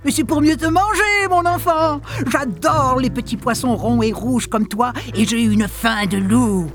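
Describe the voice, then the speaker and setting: A woman's voice: a little high, a little slow, music in the background, pitched above the performer's own voice. A woman voicing a sly, hungry male sea wolf fish in a children's audio storybook, mocking and gloating with sniggers.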